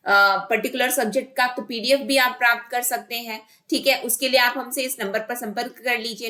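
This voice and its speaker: Bright-voiced woman teaching an online class. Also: fairly high pitch. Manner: explains by asking and answering her own questions. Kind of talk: online exam-prep lesson.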